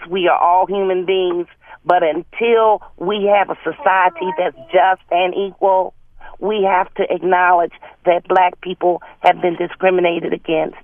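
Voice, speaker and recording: A woman's voice: fairly low pitch, no room sound. Older woman caller over a tinny phone. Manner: impassioned, emphatic. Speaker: radio caller.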